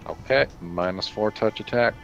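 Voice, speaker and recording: Deep-voiced man running a tabletop game. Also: normal speed, muffled recording. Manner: explains rules patiently, vivid combat narration. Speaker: game master. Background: soft background music.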